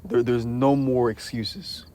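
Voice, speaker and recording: A 21-year-old man with a medium-pitched voice speaks slowly while hosting an unscripted, casual conversation in an empty parking lot outdoors. He stammers, repeating the starts of words as he forms questions and thoughts. Crickets and night insects hum steadily in the background.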